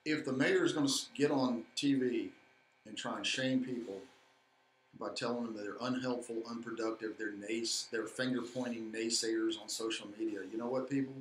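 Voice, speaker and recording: A man's voice: mid-range voice, fairly even intonation, normal speed. Earnest man, echoey room. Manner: earnest, hesitant with fillers, says "okay?" often. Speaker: co-host of a local civic live stream. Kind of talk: casual talk, addressing viewers. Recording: echoey room with faint background noise.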